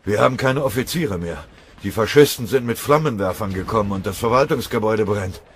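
A man's voice: lowish voice, lively intonation, fairly quick, a little hiss or hum, pitched above the performer's own voice. A man reading an audiobook voices a bloodied, exhausted young male soldier messenger who is out of breath. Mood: desperate.

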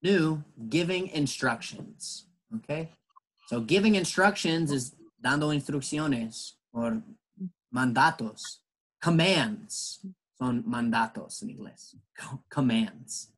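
Slow, patient bilingual English teacher man. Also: on the high side, animated, husky, low-quality recording. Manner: slow, patient explaining, switching between English and Spanish. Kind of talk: bilingual classroom lesson.

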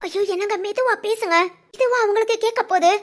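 A woman's voice: very high-pitched, fairly quick, loud music behind the voice. A woman voicing an anxious, pleading wife and mother in a cartoon family drama. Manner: pleading, placating.

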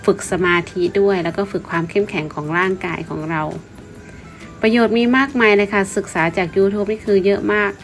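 A woman from Thailand speaks in a medium-pitched voice with music behind her. She explains things informally in a polite vlog style, now and then repeating a word. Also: a little fast. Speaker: vlogger.

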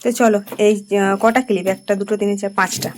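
A woman's voice: medium pitch, fairly even intonation, noisy background. A woman in her thirties with a Bengali accent, chatting casually in a home vlog about her evening. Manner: chatty, drawn-out, softly spoken at times. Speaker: vlogger. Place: home at night.

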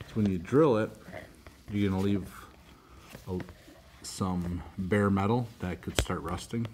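This homestead host, a middle-aged man with a low and somewhat slow voice, talks against a noisy background in his pole barn workshop. His casual narration covers hanging steel siding step by step, plainly and with minor restarts.

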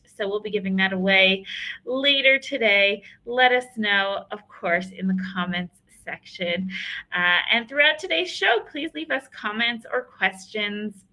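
Bright-voiced woman hosting a live webinar. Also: mid-range voice, low-quality recording. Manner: friendly, filler-heavy. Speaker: webinar host.

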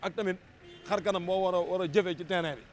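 Outdoors on a busy city street, a Senegalese man being interviewed as a football fan talks fast in a voice that sits high, his intonation fairly even. He argues emphatically and repeats his words a lot, and the handheld mic picks up the surrounding traffic noise.

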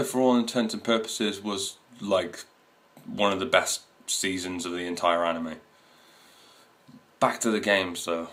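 Casting: twenties male vlogger, low voice, loose, meandering chat to camera. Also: fairly bright tone. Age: 20s. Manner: rambling, many fillers and restarts. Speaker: video host. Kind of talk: casual to-camera talk. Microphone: camera mic.

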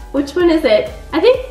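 A woman's voice: extremely high pitch, very animated, unhurried, warm tone. A young woman hosting a casual challenge vlog, squealing and giggling in disgust. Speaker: vlog host. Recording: echoey room with music behind.

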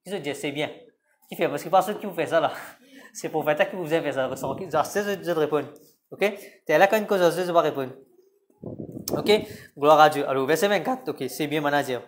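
A man's voice: a little high, normal speed, a little hiss or hum. A male pastor, preaching a sermon and often calling out praise to God and amen. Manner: preaching with repeated calls of "Gloire à Dieu" and "Amen".

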